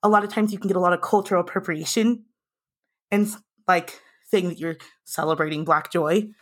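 A woman's voice: lowish voice, steady tone, fairly quick. A young adult woman hosting a podcast, speaking earnestly and with passion in a breathless rush, often restarting her sentences. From United States. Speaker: podcast host. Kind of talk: impassioned podcast monologue.

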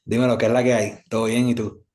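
A man's voice: medium pitch, little pitch movement, fast, darkish tone. A man from Puerto Rico with a Puerto Rican accent, a musician guest talking in an easygoing, rambling way. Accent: Puerto Rican Spanish. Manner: easygoing, rambling, with many fillers. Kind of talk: casual interview.

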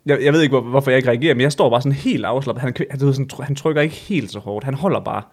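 A man's voice: mid-range voice, breathy edge. Young man telling a story with laughs. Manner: animated storyteller, laughs often, swears casually. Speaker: podcast co-host. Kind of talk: casual chat.

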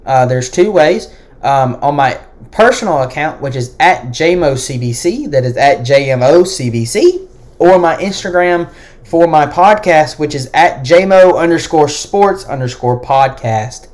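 A man's voice: a little high, a little slow, a little mellow. A man hosting his own sports podcast, talking alone in a hesitant way with many fillers and restarts. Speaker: podcast host. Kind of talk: solo sports podcast talk.

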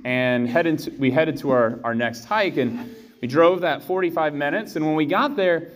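An American man in his thirties, a priest, reading scripture and giving a homily in measured, deliberate phrases. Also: on the high side. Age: 30s. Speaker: priest preaching. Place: indoors, in a church.

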